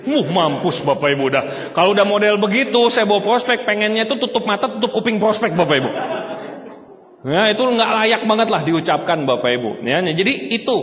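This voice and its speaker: A man gives an animated motivational seminar talk, pitched high for a man. He keeps turning to the audience and mimicking loud people for laughs. His voice rings through a hall with a long echo tail. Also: fairly quick. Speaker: motivational speaker for a network marketing business.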